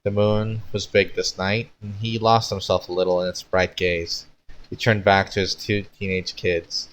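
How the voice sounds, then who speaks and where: A man with a fairly low voice on a casual livestream. He reads his own story aloud and talks to viewers in a hesitant, unpolished manner. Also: little pitch movement, normal speed, a bit bright, poor audio. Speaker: streamer.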